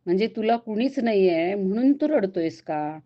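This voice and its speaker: A woman's voice: mid-range voice, lively intonation, normal speed, muffled recording, close to an everyday voice. A woman voicing a playful, kind young divine woman who teases and coaxes. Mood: teasing. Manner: teasing, coaxing.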